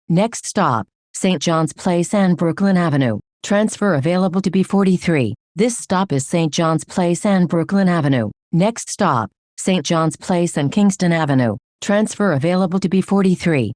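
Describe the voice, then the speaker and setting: Automated bus stop announcer: a woman, low-pitched, dry and close, measured and even delivery. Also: no room sound. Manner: measured, evenly paced phrases. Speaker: transit announcer.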